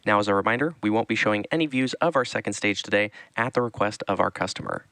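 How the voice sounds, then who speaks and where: A man giving live explanatory launch commentary as a webcast host, measured and informative. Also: on the low side, gravelly, sharp tone, no echo.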